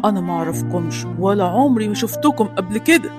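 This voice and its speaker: Brusque middle-aged Egyptian husband, voiced by a woman, rapid and clipped, over a music bed. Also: mid-range voice, expressive, lightly acted. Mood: annoyed. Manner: brusque, dismissive. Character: middle-aged man denying he knows his daughters.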